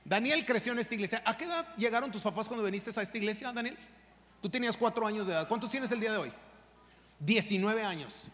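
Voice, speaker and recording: A man's voice: high-pitched, expressive, fast talker, a bit bright. A man, a pastor preaching an impassioned sermon straight at his congregation in a church. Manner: impassioned, direct address to the congregation. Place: church sanctuary. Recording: long reverb of a large hall, faint background noise.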